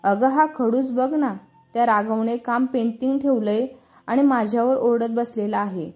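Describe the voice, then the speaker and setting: A woman's voice: fairly high pitch, steady tone, moderate pace, a little mellow, faint music behind, close to an everyday voice. A woman voicing an irritated young woman bank clerk who grumbles about her boss. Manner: grumbling, sulky complaints.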